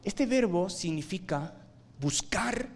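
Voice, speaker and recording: A man preaching a sermon, swinging from loud emphatic bursts to low quiet lines and asking his listeners rhetorical questions. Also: lively intonation, takes it slowly, vocal fry, slight background noise.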